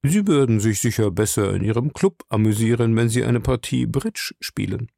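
A man's voice: on the low side, moderate pace, creaky, mellow, dry recording, clean studio sound. A man reading an audiobook voices a composed manservant who speaks in a proper, polite way. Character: composed older male servant, proper and polite. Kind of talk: audiobook character voice.

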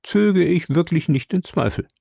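A cunning gentleman investigator, measured and diplomatic, leans on a gravelly, dark voice, as a man reads his lines. His pitch moves expressively across the sentences, and the voice sounds close and dry. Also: animated, no echo, full character voice. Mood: suave. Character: shrewd, suave older male investigator.

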